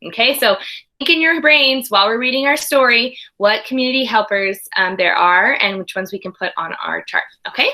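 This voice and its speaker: An early primary school teacher reads a storybook aloud to young children with lots of expression, slipping in conversational asides to them. Her fairly high voice is bright and forceful, at a moderate pace.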